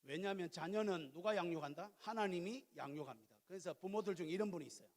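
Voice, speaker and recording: A male pastor delivers a sermon in a large sanctuary, his high voice carried by a long church reverb. He swings between forceful, loud exhortation and hushed, confiding asides to the congregation. The hall tail lingers after each phrase. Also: quick pace.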